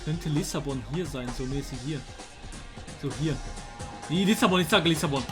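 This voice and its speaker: A young man, talking casually to his chat while playing a guessing game, excitable and slangy. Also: a little high, normal speed. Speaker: streamer. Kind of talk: casual gameplay commentary. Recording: faint music underneath.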